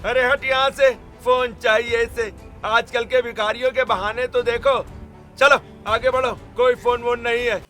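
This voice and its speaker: A man voicing a rude male passerby in a cartoon story who shouts and brushes people off. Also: very high-pitched, little pitch movement, unhurried, soft background music, voice pushed up, heavily acted. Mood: scornful. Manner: shouting, dismissive. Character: rude loud male passerby shooing a beggar.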